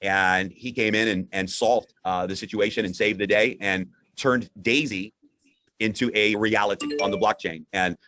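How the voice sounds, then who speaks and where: A man hosting a live broadcast in an upbeat, conversational way, often halting and repeating words as he goes. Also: on the low side, fairly even intonation, pushed and bright. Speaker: host.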